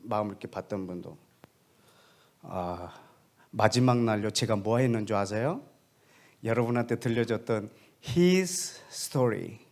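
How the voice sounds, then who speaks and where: A man preaching as a missionary, telling a story to his congregation in an animated way. He puts questions to the listeners directly and often sinks into a quiet, hushed voice for the tender moments. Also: lowish voice, unhurried. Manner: animated storytelling, acting out dialogue, often dropping to a soft hushed tone. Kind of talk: storytelling sermon.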